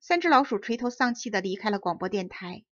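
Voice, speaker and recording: A woman narrating a children's fairy tale audiobook in a gentle, even storytelling manner. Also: medium pitch, quick pace, no echo. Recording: dull dry audiobook recording.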